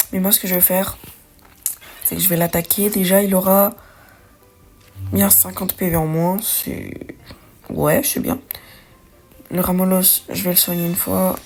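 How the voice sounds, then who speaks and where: A young woman with a fairly low voice talks through a card game in casual commentary. She thinks aloud, uses slang and corrects herself often, with faint music playing underneath. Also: darkish tone. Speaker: gaming video creator. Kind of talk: casual let's-play commentary.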